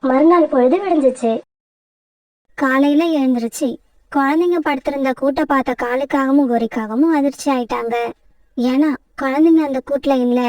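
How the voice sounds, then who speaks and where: Brief: woman storybook narrator, high and steady, dry and slightly distant recording. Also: moderate pace, no echo.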